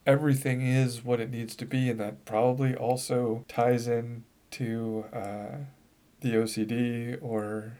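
A man's voice: mid-range voice, level tone, measured pace, dark tone. A man co-hosting a casual podcast, thoughtfully breaking down a movie character. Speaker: podcast co-host. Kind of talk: casual chat.

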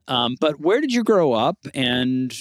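A man's voice: mid-range voice, very animated, dry recording. Hesitant male podcast host, dry sound. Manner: halting, many fillers and restarts. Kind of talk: casual interview chat with scripted intro.

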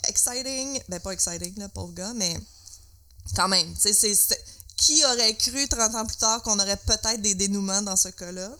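A woman's voice: medium pitch, normal speed, bright, forceful tone. A young woman with a Québécois accent co-hosting a podcast, chatting casually and rambling with fillers and English words. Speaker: podcast co-host. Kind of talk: casual chat.

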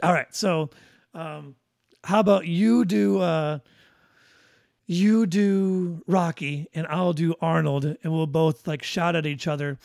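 A man's voice: a little high, fairly even intonation, slow pace, gravelly, darkish tone, no room sound. A man with a slightly raised voice hosts a loose movie conversation, wandering through his points with plenty of ums and restarts. The sound is close and dry, with no room around it. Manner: rambling, many fillers and restarts. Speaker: podcast host. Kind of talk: casual chat.

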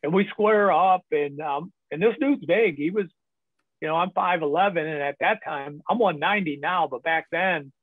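A man, a podcast guest, recounts his past in a candid, casual way, with frequent laughs and ums. His voice sits fairly high for a man. It comes through a tinny, phone-like line that is completely dry. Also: moderate pace, no room sound. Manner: candid, laughs often, many fillers. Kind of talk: casual storytelling.

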